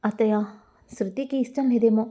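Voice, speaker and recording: A woman's voice: a little high, fairly even intonation, normal speed, dark tone, natural voice. Lady reading young wife, firm, sticks up for her husband.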